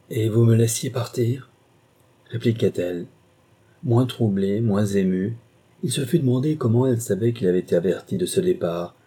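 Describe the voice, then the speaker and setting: Male audiobook reader, low husky voice, measured literary delivery. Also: mellow. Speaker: audiobook narrator. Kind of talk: scripted narration.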